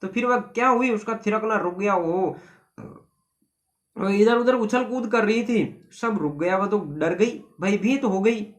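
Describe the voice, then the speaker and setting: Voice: medium pitch, measured pace. Teacher explaining a story, conversational tone. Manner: conversational, repeats and explains words. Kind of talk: explaining a Hindi textbook story.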